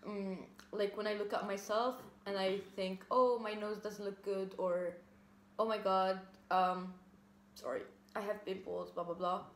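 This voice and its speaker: Young girl chatting casually, kinda giggly, slow pace, echoey room. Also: medium pitch, steady tone. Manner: giggly, informal. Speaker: vlogger answering questions. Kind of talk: casual mukbang chat. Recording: echoey room with faint noise.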